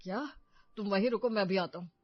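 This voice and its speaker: A woman's voice: medium pitch, fairly quick, lo-fi sound, natural voice. A woman voicing a young husband in a cartoon story who firmly defends his mother. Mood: indignant. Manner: firm, indignant.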